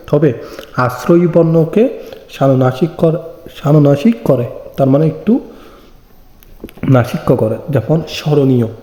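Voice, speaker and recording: A man's voice: a little high, dark tone. A man teaching an online exam-prep lesson, explaining step by step and answering his own questions. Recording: echoey room with long reverb.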